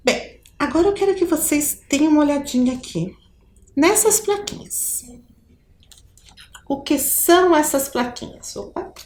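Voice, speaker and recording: A Brazilian woman teaches a primary school lesson in a lively, sing-song voice that sits a little high. She stretches the key words for the children. The room around her sounds roomy and echoing. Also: a little slow. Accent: Brazilian Portuguese. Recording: roomy echo.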